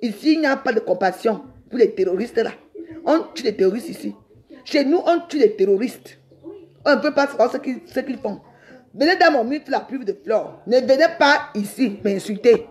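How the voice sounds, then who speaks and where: A woman's voice: a little high, moderate pace, a little mellow. A middle-aged woman, ranting defiantly on a live stream and rambling with repeated words. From Cameroon. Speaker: social media livestreamer.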